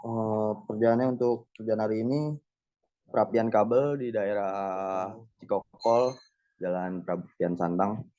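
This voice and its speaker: A man's voice: on the low side, fairly even intonation, unhurried, dark tone. A man, a field work supervisor, reporting over a call on a choppy phone line that breaks up, giving short dutiful answers. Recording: dull distant phone line.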